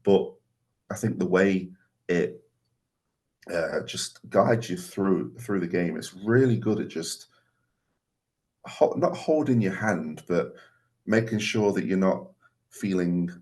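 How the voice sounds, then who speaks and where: A man's voice: sits low, slow pace, long pauses, darkish tone. A man who makes videos, a guest on a podcast, talking casually and thinking aloud. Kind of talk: casual interview chat.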